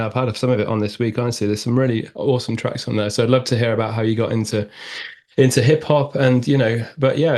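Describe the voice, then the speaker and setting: A man's voice: mid-range voice, darkish tone. A man hosting a podcast interview, friendly and hesitant, with many restarts. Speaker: podcast host.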